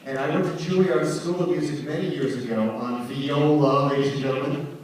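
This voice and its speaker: A middle-aged man, a musician, telling stories to a concert audience with lively energy and jokes for the crowd. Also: a little high, fairly quick. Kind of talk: lively stage talk to an audience. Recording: very echoey hall, distant mic, faint noise.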